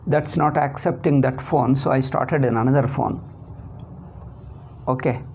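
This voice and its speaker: A man's voice: mid-range voice, a little slow, a little mellow, slight background noise. A man with a South Indian accent teaching a scripture lesson online in a didactic, question-and-answer manner. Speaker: teacher of Sanskrit philosophy.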